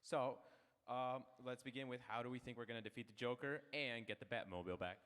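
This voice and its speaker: Teen guy cohosting, talks fast, playful, echoey auditorium. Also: medium pitch, fairly even intonation, fairly bright tone, clear, resonant tone. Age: late teens. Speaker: host. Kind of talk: scripted stage hosting.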